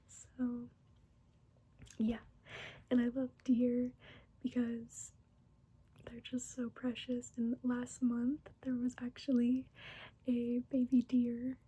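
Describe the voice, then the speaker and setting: Whispering young woman, soft ASMR chat. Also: high-pitched, husky, poor audio. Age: 20s. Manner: whispered, unhurried and giggly. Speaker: ASMR creator.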